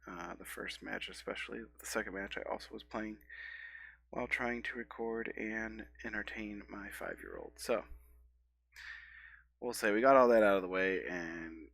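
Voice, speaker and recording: A gameplay streamer in his thirties, scratchy and stuffy from a cold, casually talks through his own card game while playing. He rambles and thinks aloud with fillers and self-corrections, his voice on the low side, fairly bright and fried, at a moderate pace.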